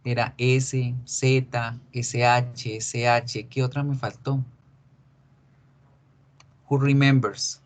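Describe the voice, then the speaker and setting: Slow-spoken man teaching. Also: mid-range voice, flat delivery. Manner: slow, drawn-out explanations with repeated examples. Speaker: English teacher. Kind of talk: recorded online grammar lesson.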